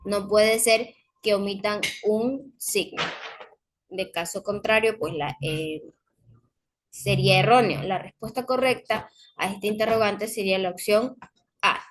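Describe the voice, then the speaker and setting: A woman's voice: medium pitch, a little slow, poor audio. Woman teacher explaining test answers. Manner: explains step by step with frequent fillers and self-corrections. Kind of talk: recorded class explanation.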